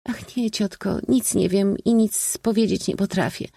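Brief: man playing a frightened young princess, soft and pleading, lively lilt, dry close recording. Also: high-pitched, unhurried, breathy edge, dry recording, voice pushed up, full character voice.

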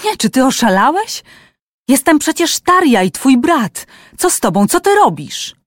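A woman's voice: a little high, very animated, moderate pace, creaky, no echo, studio quality, voice pushed up, heavily acted. A woman voicing a terrified young field doctor pleading and crying out in a storybook reading. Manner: panicked, pleading.

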